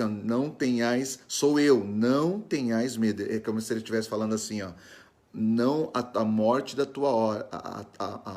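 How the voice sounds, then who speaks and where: A man preaching a sermon in an emphatic, repetitive style that drops to soft, slow reassurance. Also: fairly low pitch. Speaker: pastor. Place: livestream.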